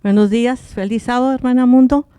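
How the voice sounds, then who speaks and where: A woman's voice: on the high side, steady tone, fairly quick, warm tone, clean tone, dry recording. Woman reading scripture with emphasis. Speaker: church member reading the verse of the day. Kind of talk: scripture reading in a church service.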